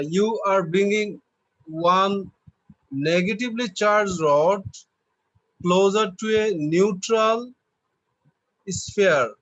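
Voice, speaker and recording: A man teaching an online class, explaining slowly and patiently over a video call. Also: sits high, fairly bright tone, no echo. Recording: dull lo-fi online call audio.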